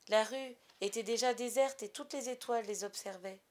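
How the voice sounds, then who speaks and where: A woman narrating a storybook in a measured, expressive way. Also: on the high side. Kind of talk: storybook reading.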